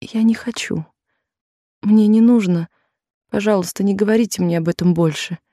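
A woman's voice: medium pitch, normal speed, warm tone, no room sound, clean studio sound, lightly acted. A woman voicing a timid young working-class maid who pleads and refuses in a raised, tearful voice. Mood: pleading.

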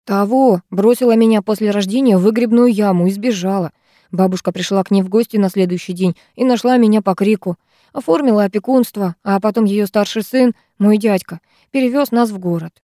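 A woman voicing a sullen, sharp-tongued teenage girl in an audiobook, curt and scornful, in a dry, close recording. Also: mid-range voice, a little fast, no room sound, lightly acted.

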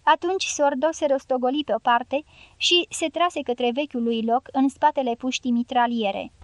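A woman narrating a novel as an audiobook in a steady, even storytelling manner. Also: high voice, no room sound.

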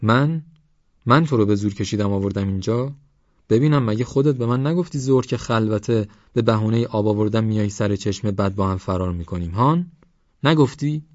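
Narrator playing a brash young villager, taunting, high and loud for him, dull dry recording. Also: male voice, no echo, natural voice. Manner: taunting, shouting.

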